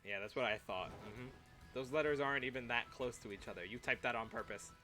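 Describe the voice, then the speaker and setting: A young man chats through a game stream in a bright, forceful voice, teasing his viewers and laughing between lines. Faint music runs softly behind him. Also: medium pitch, brisk. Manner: playful, chatty, reads chat aloud, frequent laughs. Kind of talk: casual livestream chat.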